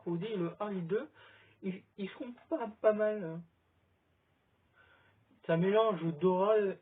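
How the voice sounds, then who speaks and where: Outdoors in the sun, a man with a high, husky voice vlogs into his phone camera, rambling casually and offering chatty recommendations. The recording sounds thin, like a phone.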